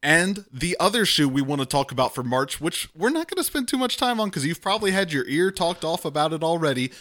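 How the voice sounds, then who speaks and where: A man co-hosting a podcast in casual chat, talkative and self-deprecating with quick asides. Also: fairly high pitch, sing-song, a bit bright. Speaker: podcast co-host.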